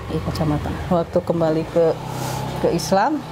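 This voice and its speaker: A woman guest in a casual interview, telling her life story in a lively way and acting out what others said. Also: on the low side, normal speed, background noise.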